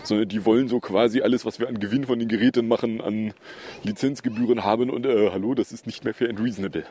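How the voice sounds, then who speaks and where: A man's voice: fairly low pitch, steady tone, quick pace, mellow, slightly rough. A man hosting a podcast, running through recent news in a casual, sarcastic way with lots of fillers and asides. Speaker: podcast host. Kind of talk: casual news review chat.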